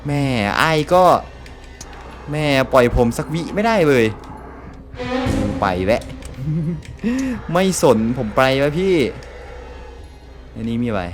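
A man's voice: medium pitch, sing-song, slow, pauses often, faint music behind. A man from Thailand giving jumpy, exclaiming commentary over a horror game, swearing often. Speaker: gameplay streamer.

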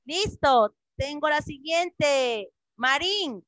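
A woman English teacher leading an online class for children, patiently repeating words slowly over a video call. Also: high-pitched, animated, a bit bright, no echo, low-quality recording.

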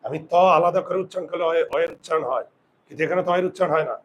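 Male teacher, high voice, quizzes students and repeats words slowly, faint background noise. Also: fairly bright tone. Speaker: Bengali grammar teacher. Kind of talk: classroom lesson.

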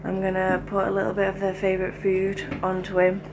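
A woman in her twenties speaking low and hushed to a handheld camera indoors, setting up a prank. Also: monotone, a little fast, background noise. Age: 20s. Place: small room indoors. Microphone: camera at arm's length.

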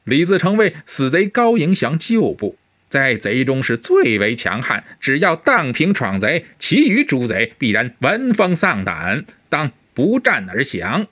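A man's voice: medium pitch, wildly swooping pitch, fairly bright tone, dry recording, exaggerated voice. Guy voicing a cautious court minister, formal and careful, dry muffled audio. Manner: measured, formal and deferential. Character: cautious, eloquent male war minister. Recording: dull, muffled sound.

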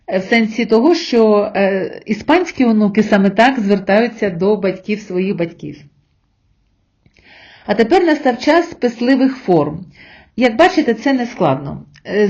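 A woman's voice: on the high side, darkish tone, muffled recording. Friendly woman teaching a language lesson. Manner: slow syllable-by-syllable modeling of words; friendly, addresses viewers as friends. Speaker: Spanish teacher.

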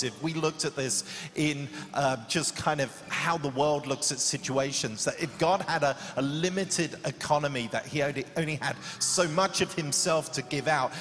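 A man's voice: on the high side, a bit bright, in a large hall. A man pastor giving a sermon in a conversational way, with frequent fillers.

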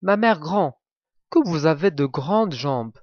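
A man's voice: fairly high pitch, lively intonation, slow, no echo, highs cut off. A man doing an earnest, naive little girl. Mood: wondering.

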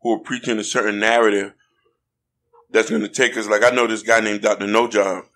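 A man's voice: lowish voice, little pitch movement, brisk, a bit bright. An American man co-hosting a casual podcast chat, talking in an earnest, preachy way and often asking "you know what I mean?". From United States. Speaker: podcast co-host. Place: podcast studio in Florida.

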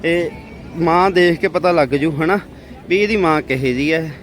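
A man's voice: a little high, normal speed. A man with a Punjabi accent hosting a casual on-the-spot vlog, chatting familiarly with farmers and commenting as he goes. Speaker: livestock show video host interviewing farmers. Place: outdoors at a livestock fair. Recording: outdoor event, crowd and street noise behind.

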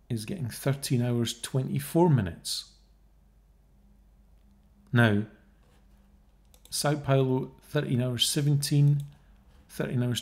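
A man's voice: medium pitch, darkish tone. A man narrating his own screen-share video, working through figures and mocking the idea he debunks. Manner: scornful, mocking asides, thinking aloud. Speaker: video creator debunking a theory. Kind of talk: casual screen-share commentary.

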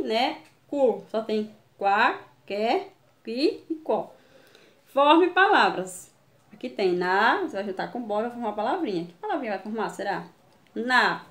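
A Brazilian woman teaching young children in a video lesson, sounding out syllables slowly. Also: on the high side, roomy sound. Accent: Brazilian Portuguese. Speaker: primary school teacher.

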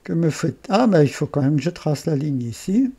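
A man with an Alsatian accent walking through a software tutorial, thinking aloud, correcting himself and adding chatty asides. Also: fairly high pitch, big pitch swings, normal speed, gravelly, breathy edge. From Alsace. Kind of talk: screen-recorded software tutorial.

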